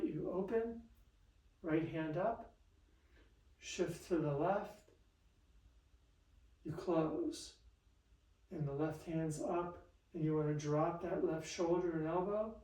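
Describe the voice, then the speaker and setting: A tai chi teacher with a mellow, relaxed voice guides a lesson in short, calm cues. The delivery is very unhurried, and the sound is roomy, as if picked up from across the space. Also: mid-range voice. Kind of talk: instructional movement lesson. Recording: roomy echo, distant mic.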